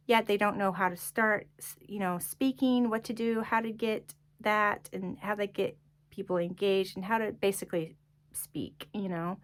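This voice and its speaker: Earnest woman sharing her faith testimony. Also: medium pitch. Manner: earnest, unscripted, full of fillers. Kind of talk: casual testimony monologue.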